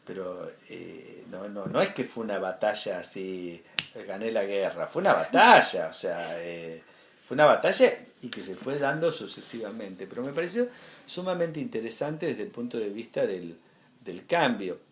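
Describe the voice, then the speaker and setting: An Argentine man being interviewed, his voice moving through a lively, animated melody. He talks in a relaxed, anecdotal way, often stopping to restart a phrase or reach for the next word. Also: on the low side, normal speed. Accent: Argentine Spanish. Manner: anecdotal, hesitant with frequent restarts and fillers. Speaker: interview guest, art curator. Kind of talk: casual conversation.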